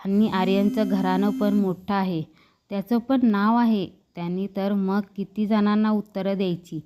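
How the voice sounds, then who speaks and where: A woman voicing a young woman who pleads tearfully and speaks a little higher than her narration. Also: steady tone, moderate pace, warm tone, close to an everyday voice. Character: young woman, a politician's daughter, in love and pleading.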